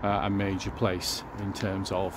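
A man's voice: low voice, monotone, a little slow. Chatty man outdoors. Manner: chatty, musing aloud with fillers. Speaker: vlogger giving a walking tour. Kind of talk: casual walking-tour commentary. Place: outdoors on a city street. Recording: outdoor street noise behind.

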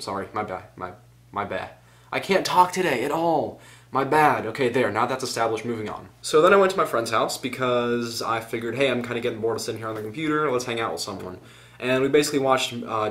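A man's voice: mid-range voice, fairly bright tone. Rambling teenage boy vlogging to camera. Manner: rambling, goes off on tangents, self-mocking. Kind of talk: casual vlog.

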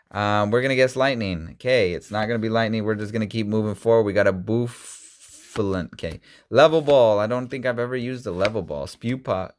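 A man in his thirties chats loosely while he opens card packs, with ums and restarted sentences throughout, and his voice jumps whenever he's surprised. He's medium-pitched, filmed on a webcam in an indoor room with a desk mic, and the audio carries a little hiss or hum.

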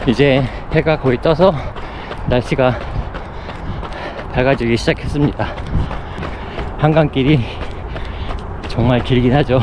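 A man's voice: mid-range voice, measured pace, pauses often. Man talking while running outdoors, noisy surroundings. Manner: talking while running, in short broken phrases. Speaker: running vlogger. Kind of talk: reflective casual vlog monologue. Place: outdoors on city running paths. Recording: clear outdoor urban noise, passing traffic.

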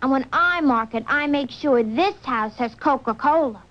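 Woman playing a high-voiced, chatty teenage girl. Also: moderate pace, lightly acted. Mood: breezy, mock-innocent. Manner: breezy, mock-innocent understatement. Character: chatty, breezy teenage girl excusing her party. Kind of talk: 1960s TV commercial monologue. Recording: dull vintage TV soundtrack, faint music.

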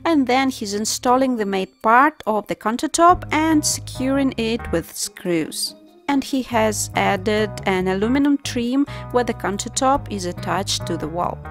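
Woman narrating a home DIY vlog. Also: fairly high pitch. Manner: plain, practical step-by-step explaining. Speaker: DIY channel host. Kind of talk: voice-over narration of a home renovation.

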